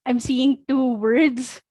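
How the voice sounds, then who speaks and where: A woman's voice: high voice, no echo. A woman with a Filipino accent chatting casually during a game, switching between Tagalog and English mid-sentence. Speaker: game participant guessing. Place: video call.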